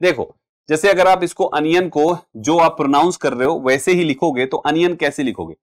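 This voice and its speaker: Male teacher, slightly high voice, patient, repeats each word for the class. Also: moderate pace. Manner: explains patiently, repeats words, calls students "friends" and "dear children". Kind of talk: exam-prep English lesson.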